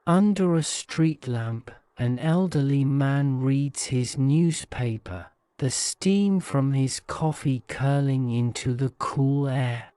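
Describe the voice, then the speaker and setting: A male narrator reads a bedtime guided-imagery story very slowly and deliberately. His mid-range voice sounds soothing and mellow, smooth and clean, with no room sound.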